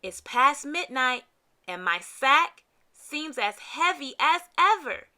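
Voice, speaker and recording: Woman voicing a hearty, bright storybook Santa. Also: very high-pitched, very animated, slow pace, exaggerated voice. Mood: weary surprise. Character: jolly, hearty old Santa Claus. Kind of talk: children's storybook character voice.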